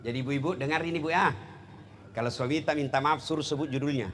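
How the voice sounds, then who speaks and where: A man preaching a humorous sermon, acting out quoted dialogue with animated storytelling. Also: on the high side, fast.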